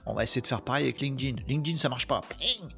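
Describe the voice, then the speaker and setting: A man with a northern French accent hosts a live podcast, rambling and joking as he chats with his viewers. His voice is gravelly with a lot of fry, at a middling pitch. Soft music plays in the background. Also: rapid-fire. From northern France. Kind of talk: casual live-stream chat.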